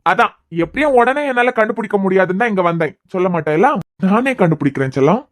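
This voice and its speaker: A man's voice: high-pitched, expressive, fast talker, no room sound, clean studio sound. A man voicing a teasing, persistent young man in a Tamil cartoon series with a Kanyakumari accent. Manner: teasing, pressing questions. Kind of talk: cartoon web series voice acting.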